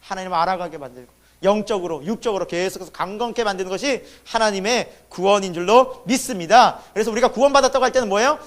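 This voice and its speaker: A man preaching a sermon as pastor. He asks the congregation questions and answers them himself, and his voice swings between loud emphasis and sudden hushed drops. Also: sits high, quick pace, few pauses. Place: church sanctuary.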